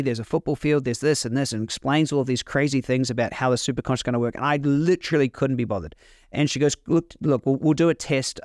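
A middle-aged man tells a personal story with energy, tripping over his words and restarting his sentences. His voice sits at an ordinary male pitch. The recording is dry and close, with no room sound. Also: dry recording. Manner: animated, repeats words, restarts often. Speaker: podcast host. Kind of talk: storytelling monologue.

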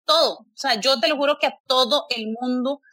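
A woman speaks in a bright, forceful voice with a dry, close sound. Her pitch sits a little high. She talks earnestly in a casual conversation, often closing thoughts with "¿verdad?". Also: brisk, husky, no echo. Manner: earnest, tagging sentences with "¿verdad?" and "o sea".

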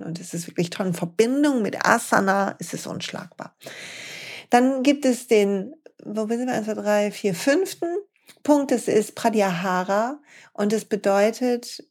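A woman's voice: mid-range voice, a little mellow. Enthusiastic woman guiding yoga breathing. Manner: enthusiastic, slows down to guide breathing exercises. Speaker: podcast host and yoga teacher. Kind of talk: podcast talk with guided breathing.

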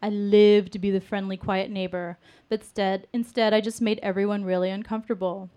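A woman telling a candid personal story to an audience in a self-mocking, lively way. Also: medium pitch, brisk, clean tone.

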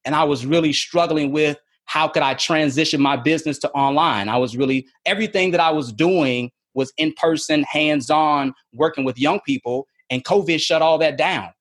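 A man's voice: on the high side, moderate pace, few pauses, fairly bright tone. A middle-aged man, a guest on a podcast, talking eagerly and fluently about his work. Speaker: guest, media trainer. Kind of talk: enthusiastic interview talk.

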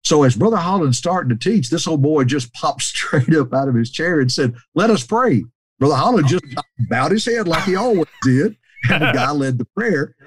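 A man's voice: lively intonation, moderate pace, husky, no room sound. Man, casual anecdotal storytelling, frequent restarts, dry close recording. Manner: restarts a lot, mimics quoted people in a higher voice.

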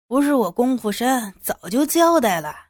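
A woman voicing a crude, flattering younger man in an audio drama, with a lowered, fawning delivery. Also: moderate pace, dry recording, studio quality.

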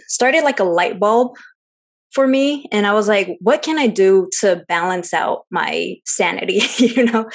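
A young woman from Seattle, co-host of a travel podcast, chatting in an interview with lots of fillers and easy laughs. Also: mid-range voice. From Seattle, United States. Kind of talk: casual interview chat.

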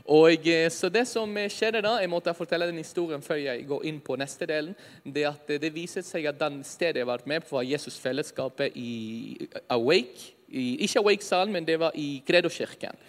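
A man tells his personal faith story with a lively, self-mocking energy, pitched a little high for a man. His voice rings out with a long reverb trailing behind it, as if he were speaking in a church hall. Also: hardly any pauses. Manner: lively storytelling, often laughing at himself. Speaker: speaker giving a personal testimony.

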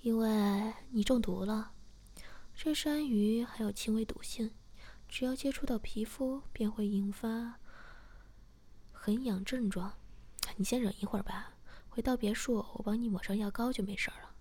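A woman voicing a domineering man in a whispered role-play story, speaking slowly and teasingly at her own pitch. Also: dark tone. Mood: taunting. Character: teasing, domineering male master, calm and slow.

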